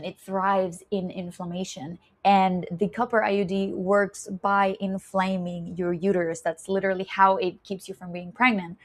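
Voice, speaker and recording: A young woman from Chile, a nurse and menstrual health educator, introducing herself in a candid, chatty vlog and laughing often. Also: mid-range voice. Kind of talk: casual self-introduction vlog.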